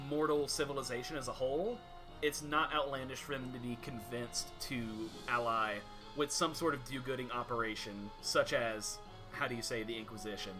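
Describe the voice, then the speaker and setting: A man working as game master, casually narrating a tabletop game in halting, improvised explanations. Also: medium pitch.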